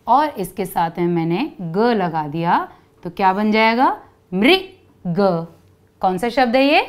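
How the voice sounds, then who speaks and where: A woman teaching young children, patiently explaining each step and asking them to repeat sounds after her. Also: medium pitch. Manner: call-and-response, asks kids to repeat. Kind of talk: children's lesson.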